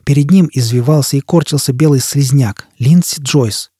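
A man narrates an audiobook in a steady, measured reading. His voice is dark and husky, and the recording is dry and close, with no room sound. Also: medium pitch, no echo.

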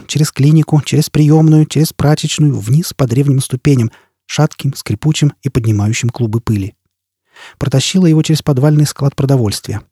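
Brief: male audiobook narrator, dark, husky, dry close sound. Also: medium pitch, dry recording.

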